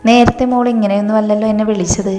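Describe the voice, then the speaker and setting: A woman's voice: mid-range voice, fairly even intonation, very fast, warm tone, lightly acted. A woman voicing an abusive, bullying young husband who speaks in a harsh, mocking, threatening way. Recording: echoey room, faint music.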